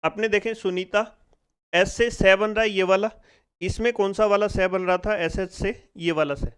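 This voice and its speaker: A man's voice: high-pitched, fairly even intonation, moderate pace, fairly bright tone, clear, resonant tone. A man teaching a spoken phonics lesson in speech, asking the class questions and drilling each sound step by step. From India.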